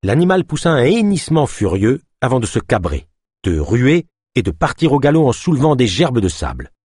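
A man's voice: medium pitch, sing-song, moderate pace, darkish tone, husky, no room sound, studio quality. A man narrating an adventure story as an audiobook, reading expressively.

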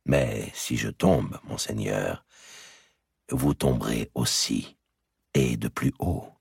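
Through a dry close recording, a man reads as a calculating middle-aged merchant, his very deep voice husky and rough at the edges. He speaks slowly and deliberately, each word a quiet threat, yet his pitch rises and falls freely. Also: no room sound, full character voice. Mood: cold, calculating. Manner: measured, deliberate, calmly menacing. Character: cold shrewd middle-aged male merchant. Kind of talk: audiobook character reading.

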